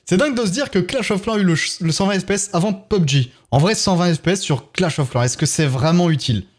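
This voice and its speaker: A man's voice: high-pitched, lively intonation, quick pace. A man with a French accent, chatting casually on a live game stream and thanking viewers one by one as he plays.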